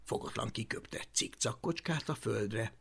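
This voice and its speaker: An audiobook reader narrating a children's story in an animated, expressive way. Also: mid-range voice, creaky, husky.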